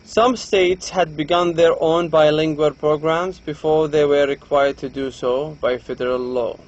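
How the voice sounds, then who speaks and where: A university English lecturer from Saudi Arabia, a native Arabic speaker with a Saudi Arabic accent, gives a recorded reading lecture to students. He reads a textbook aloud and explains it, restarting often, in a voice on the high side with fairly even intonation and a slightly slow pace. The recording is muffled.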